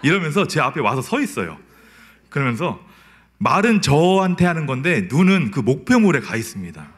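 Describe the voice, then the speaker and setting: Male pastor, sermon delivery, animated pitch, anecdotal and chatty. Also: moderate pace. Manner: lively storytelling with acted quotes.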